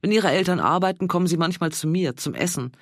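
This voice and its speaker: A friendly older woman, read by a male narrator, speaks plainly and matter-of-factly in a relaxed tone. Her lines sound close to the reader's own voice. The sound is dry and close. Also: lowish voice, fast, no echo.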